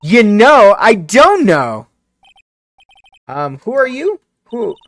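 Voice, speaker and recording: A man voicing a shrill, nervous male studio assistant who stammers and blurts things out loudly. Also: very animated, a little slow, gravelly, dry recording, heavily acted. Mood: flustered. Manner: flustered, stammering, loud.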